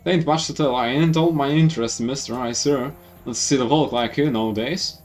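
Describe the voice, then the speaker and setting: A man's voice: medium pitch, brisk, distant mic, soft background music, natural voice. A man voicing a cheeky young country boy who talks in a folksy, boastful drawl. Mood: stubborn.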